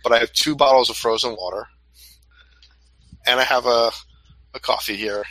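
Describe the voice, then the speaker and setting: A man hosting a casual chat show from a hot room at home. His voice is very bright and forceful, and his talk is laid-back and conversational. The recording is dry. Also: medium pitch, normal speed, dry recording, low-quality recording. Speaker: host of an online reselling show.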